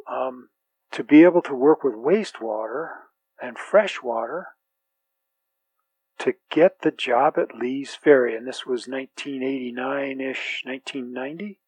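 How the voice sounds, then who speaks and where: A man's voice: medium pitch, a little mellow, husky, no room sound, rough recording. A man conducting an oral history interview, asking informal questions with hesitant phrasing.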